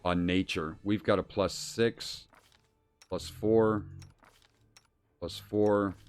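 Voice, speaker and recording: A man's voice: on the low side, fairly even intonation, very slow, clear, resonant tone, faint music behind. A man streaming a role-playing game, casually thinking aloud and reading out game text as he plays.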